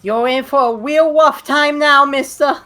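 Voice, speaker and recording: Man putting on a high-pitched feisty anime heroine. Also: steady tone, measured pace, bright, forceful tone, soft background music, full character voice. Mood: defiant. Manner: exclamatory, melodramatic. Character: feisty young heroine, anxious and protective, anime-style.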